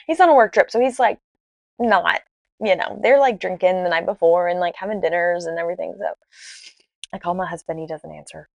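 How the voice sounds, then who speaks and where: A young woman telling a personal story in an animated, excitable way, acting out the dialogue. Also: lowish voice, moderate pace, vocal fry, pauses often, no room sound. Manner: many restarts and fillers. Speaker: podcast guest. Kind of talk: casual storytelling.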